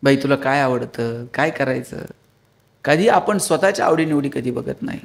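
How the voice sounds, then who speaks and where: A gravelly, mid-range male voice, expressive and moderately paced, belongs to a public speaker. In his motivational lecture he uses humorous storytelling and appeals directly to the audience.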